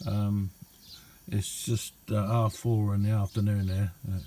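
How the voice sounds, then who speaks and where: In an indoor hobby radio room, a man with a low, mellow voice shows off a homemade receiver for a casual hands-on vlog. He speaks unhurriedly and colloquially, with halting phrasing and little pitch movement, over slight background noise.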